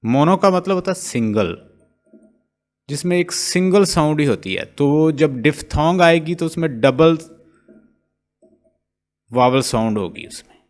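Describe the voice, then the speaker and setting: A man teaching an online phonetics lesson, explaining step by step and slowly drawing out example sounds. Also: a little high, animated. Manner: slow, explaining step by step, mixing English terms into speech; repeats and drawls out example sounds. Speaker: English linguistics teacher. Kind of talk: online lecture.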